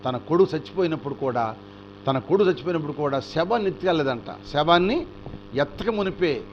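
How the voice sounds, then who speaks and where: A male pastor preaching a storytelling sermon, animated and asking the congregation rhetorical questions. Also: a little high, brisk, lo-fi sound, slight background noise.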